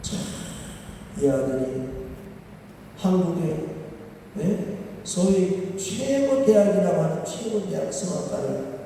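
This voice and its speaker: A man preaching a revival sermon as pastor, telling the story with emphasis and often prodding his listeners with a quick "eh?". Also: high-pitched, lively intonation, mellow, slight background noise. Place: large prayer-retreat hall. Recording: echoey hall, voice from far off.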